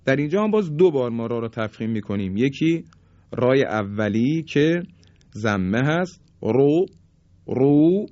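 A man teaching pronunciation rules for Quran recitation, explaining quickly and then chanting example words slowly and repeatedly. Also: medium pitch, very animated, darkish tone, no echo. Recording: dry, slightly dull recording.

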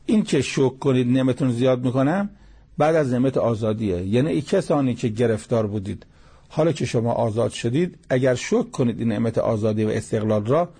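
A man's voice: medium pitch, expressive, warm tone, slightly rough. A man giving a religious commentary lesson, explaining each verse and repeating key phrases for emphasis. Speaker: Quran commentator.

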